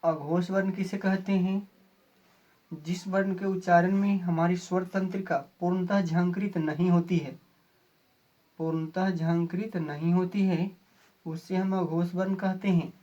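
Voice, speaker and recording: A male teacher giving a grammar lesson, going slowly and repeating each definition. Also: high-pitched, steady tone, warm tone, highs cut off.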